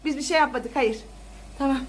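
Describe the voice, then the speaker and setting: Very high-voiced excited young mother. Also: fairly quick, a crowd in the background. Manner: cheering and urging, often laughing and shouting. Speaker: mother and family vlog host. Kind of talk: excited commentary on a children's game.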